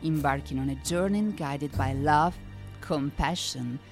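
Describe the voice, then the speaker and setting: Low-voiced woman narrating a storybook. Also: measured pace, soft background music.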